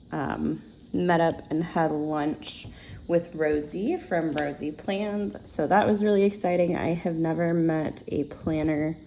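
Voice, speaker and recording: Low, slow-talking young woman. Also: vocal fry, a little hiss or hum, low-quality recording. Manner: chatty, relaxed, many fillers and soft laughs. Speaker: planner vlogger. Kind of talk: casual voice-over while decorating a planner.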